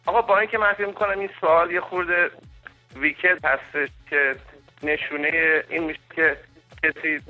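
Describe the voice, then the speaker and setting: A man's voice: fairly high pitch, steady tone, soft background music. A man calling in to a radio show, speaking politely and formally with hesitations, over a dull phone line. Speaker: caller. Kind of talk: call-in radio chat.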